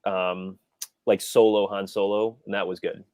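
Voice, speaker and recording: A man's voice: low-pitched, little pitch movement, measured pace, a little mellow, no room sound, clean studio sound. A man co-hosting a podcast, joking around and repeating phrases as he talks. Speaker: podcast co-host. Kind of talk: casual podcast chat.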